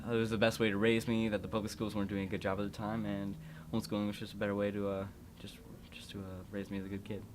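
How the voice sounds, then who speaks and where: A man's voice: on the low side, monotone, rapid-fire, background noise. An eighteen-year-old man, a graduating homeschool student, answering interview questions in a jokey way that trails off.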